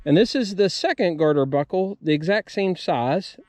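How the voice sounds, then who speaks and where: A man's voice: sits high, animated, normal speed, darkish tone, no room sound. An American man hosting a metal detecting video outdoors, talking viewers through each step in a casual, folksy way. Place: outdoors at an old homesite.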